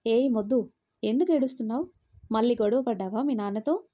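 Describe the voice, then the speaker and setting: A woman voicing a gentle, caring young husband in a spoken story. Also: on the high side, brisk, lightly acted. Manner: gentle, coaxing.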